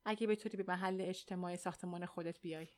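A woman reading the hushed lines of a gaunt, weary young man who is held as a slave, in an audiobook. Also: fairly even intonation, close to an everyday voice. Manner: low hushed speech.

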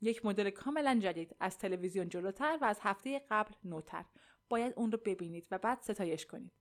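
A woman's voice: mid-range voice, expressive, natural voice. Woman reading as a pushy salesman architect; glib, sure of himself. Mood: confident, selling. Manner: glib, self-assured.

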